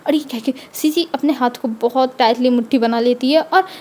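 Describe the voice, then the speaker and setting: A woman retells a romance story in a loose, chatty storyteller manner. Her voice sits high, and she keeps circling back with repeated phrasing. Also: brisk, darkish tone. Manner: conversational, repetitive phrasing. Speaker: fanfiction narrator. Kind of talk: casual storytelling narration.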